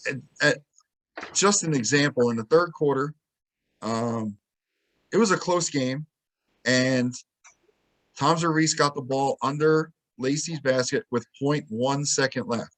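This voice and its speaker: Male co-host, lively storyteller, casual game breakdown, mid-range voice. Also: mid-range voice, measured pace, long pauses. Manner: animated storytelling, acts out quotes. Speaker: podcast co-host. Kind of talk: casual sports talk.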